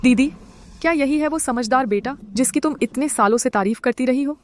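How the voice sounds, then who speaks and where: An actress dubbing a vengeful wife back from an asylum, cold and commanding. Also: female voice, high voice, brisk, slight background noise, close to an everyday voice. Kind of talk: Hindi dub of a drama.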